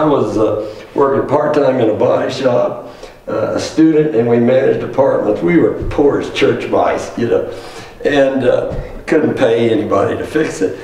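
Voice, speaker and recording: Gravelly cowboy poet, a man in an echoey room. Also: medium pitch, a little mellow. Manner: plain-spoken rhymed storytelling. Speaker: rancher poet telling stories on stage. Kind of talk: cowboy poetry recital. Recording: roomy echo, distant mic, faint noise.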